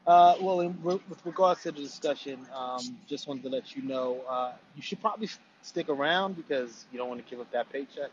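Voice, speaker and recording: Rapid, rambling male caller over a clipped, lo-fi phone line from a car. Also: medium pitch. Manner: fast, rambling talker with fillers. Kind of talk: casual call-in chat. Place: in a town car. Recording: dull lo-fi phone call with faint car noise.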